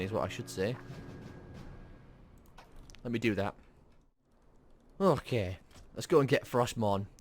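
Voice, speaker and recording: A man's voice: medium pitch, slight background noise. A man hosting a gaming video with casual, off-the-cuff gameplay commentary. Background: game sounds.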